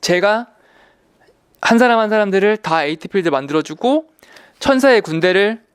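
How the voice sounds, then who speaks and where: A man giving an online lecture on insurance, talking in an animated, colloquial way and repeating key words for emphasis. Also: high voice, normal speed, smooth. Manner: animated, acts out salespeople's lines in quotes.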